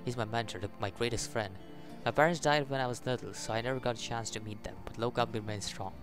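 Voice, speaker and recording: This host speaks fast in a medium-pitched voice. During a casual playthrough with faint game music underneath, he reads the on-screen text out loud and throws in joking asides.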